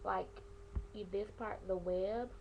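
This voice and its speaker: A woman's voice: medium pitch, steady tone, slow, highs cut off, slight background noise. A young woman giving advice in a casual, slangy, rambling vlog style, easily sidetracked as she talks. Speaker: vlogger sharing piercing aftercare advice. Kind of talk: casual rambling chat to camera.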